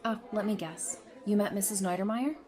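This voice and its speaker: In a fan audio drama, a woman takes the role of an easygoing, friendly survivor, delivering casual lines that are chatty, informal and reassuring. Her medium-pitched, slightly mellow voice is brisk and close to how she'd sound every day.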